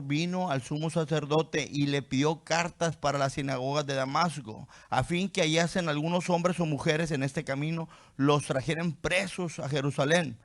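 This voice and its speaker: A man preaching a sermon as pastor. He reads scripture aloud, then explains it with rhetorical questions and "¿sí?" checks to the congregation. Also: on the high side.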